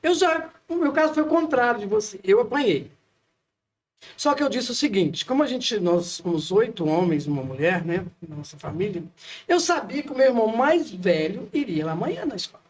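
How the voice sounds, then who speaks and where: A man's voice: high-pitched, very animated, a little fast, distant mic. A man with a Brazilian Portuguese accent chatting and reminiscing in a conversational way. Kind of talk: casual chat.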